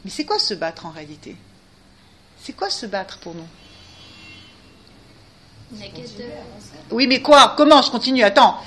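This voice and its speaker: A woman giving a spirited religious talk, speaking straight to her listeners and rising at times to loud cries. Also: on the high side, a little slow, pauses often. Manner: animated, talks to listeners directly, rising to cries. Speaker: Torah teacher.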